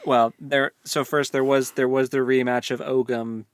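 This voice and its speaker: On a book discussion podcast, a male co-host jokes around in slangy, colloquial fashion as he reviews and recaps a fantasy novel. He speaks at a moderate pace with medium pitch and little pitch movement, and the recording is clean and dry.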